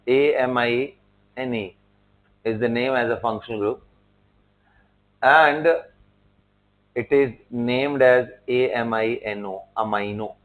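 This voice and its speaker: A male chemistry teacher lectures at an unhurried pace, spelling terms out letter by letter and checking in with his class. His voice sits at an ordinary middle pitch. The recording is narrow and tinny, like a phone line. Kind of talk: classroom lecture mixing Hindi and English.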